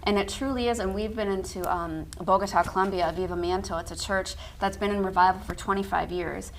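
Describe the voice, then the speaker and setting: A woman's voice: mid-range voice, fairly even intonation, a little fast, a little hiss or hum. A woman radio guest speaking passionately and gushing, with frequent fillers. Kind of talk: talk radio interview.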